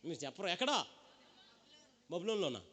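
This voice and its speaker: A man preaching a lively call-and-response sermon, acting out the characters of the story and urging the congregation to shout back. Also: high voice, moderate pace. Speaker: pastor.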